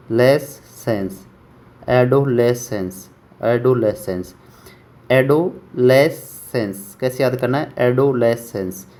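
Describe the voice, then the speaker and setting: Man teaching vocabulary slowly. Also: mid-range voice, darkish tone. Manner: repeats words slowly, asks rhetorical questions. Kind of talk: exam-prep vocabulary lesson.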